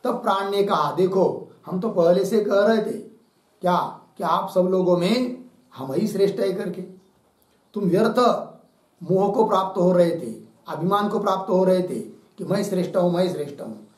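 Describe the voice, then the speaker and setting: A man's voice: high voice, moderate pace, a little mellow. A man teaching a scripture lesson, telling a story and explaining verses word by word while asking his listeners questions. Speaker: Vedanta teacher. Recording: roomy echo.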